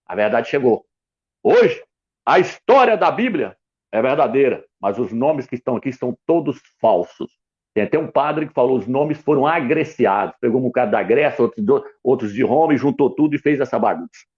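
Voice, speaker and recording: A man's voice: mid-range voice, lively intonation, a little fast, darkish tone. A middle-aged man, teaching the Bible emphatically as a preacher, repeating his points and speaking straight to the viewer. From Brazil. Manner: repetitive, insistent, addresses viewer directly; writes letters out while explaining. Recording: dull lo-fi recording.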